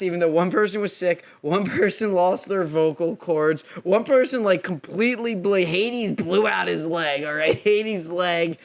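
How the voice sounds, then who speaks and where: A man hosting a casual review vlog, talking in an excitable, rambling way with frequent laughter. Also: high voice. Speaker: host.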